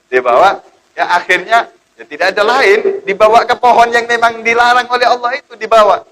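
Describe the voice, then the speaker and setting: A male preacher telling a sermon story in an animated, dramatic way. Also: high voice, a little fast, poor audio.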